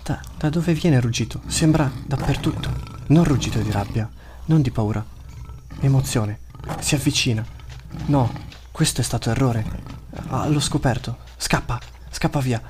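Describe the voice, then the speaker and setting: A man's voice: medium pitch, moderate pace, noisy background, pitched above the performer's own voice, close to an everyday voice. A man voicing the inner thoughts of a huge, hungry male beast that talks in short, broken phrases. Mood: frightened. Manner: terse broken inner monologue.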